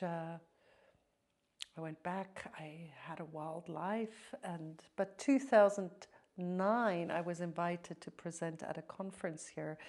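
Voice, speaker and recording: A middle-aged woman from South Africa talks slowly and reflectively as an interview guest, with a fairly low voice. Now and then her words fall away to a near-whisper. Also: darkish tone. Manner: slow, thoughtful, drops to near-whisper at times.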